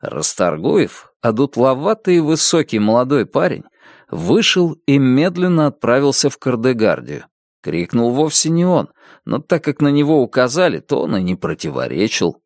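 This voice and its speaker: A man reading a classic novel aloud as an audiobook narrator, with expressive delivery. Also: mid-range voice, moderate pace, dry recording, studio quality. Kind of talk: literary reading.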